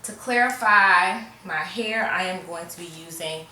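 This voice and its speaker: A woman's voice: lowish voice, bright, forceful tone, distant mic, a little hiss or hum. A pregnant woman chatting casually through a home hair tutorial, a little out of breath and poking fun at herself. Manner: chatty, self-mocking, drawn-out phrases. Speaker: hair vlogger. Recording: echoey room, voice off-mic, faint music.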